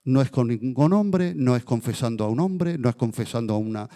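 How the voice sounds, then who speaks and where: A male pastor leading a church prayer, his voice of ordinary pitch. He swings between fervent, mounting declarations and quiet, slow passages. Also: expressive, long reverb tail. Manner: fervent, rising in intensity then dropping to a hushed, slow prayer. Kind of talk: sermon prayer.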